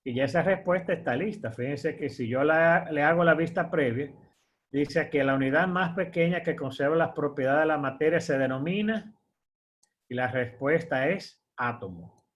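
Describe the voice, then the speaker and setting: A man's voice: a little high, normal speed, muffled recording. A man, teaching an online course as a screen-share tutorial, explaining step by step with fillers and frequent "verdad?" checks.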